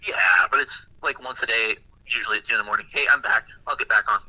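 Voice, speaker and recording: A man's voice: mid-range voice, steady tone, fast, sharp tone. A man calling in by phone, heard through a speakerphone held up to the microphone, chatting casually and apologetically as a podcast co-host. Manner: rambling, apologetic, laughing. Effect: phone call on speakerphone held up to the mic. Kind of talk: casual chat.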